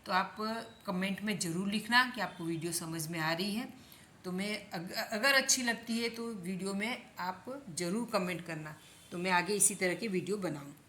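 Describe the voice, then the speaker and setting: A woman from India, teaching English phrases slowly and patiently, repeating each phrase and quizzing the listener with questions. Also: medium pitch, bright, forceful tone. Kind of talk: slow classroom-style explanation.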